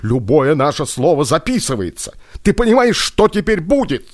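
A man's voice: fairly high pitch, sing-song, normal speed, pitched above the performer's own voice. A man voicing an agitated male impresario who urges flight, in an audiobook reading. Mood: alarmed. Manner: urgent, pressing.

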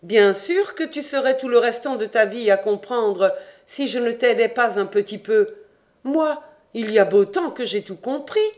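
A man's voice: extremely high pitch, darkish tone, voice pushed up. A man voicing a cocky young lad who mocks his friend, in an audiobook read-aloud. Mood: mocking. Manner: teasing and quick-witted.

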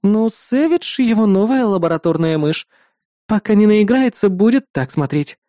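A man's voice: sits high, animated, normal speed, warm tone, no room sound, clean studio sound, voice pushed up. A man voicing a sly, teasing young woman partner in an audiobook. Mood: friendly. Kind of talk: audiobook character voice.

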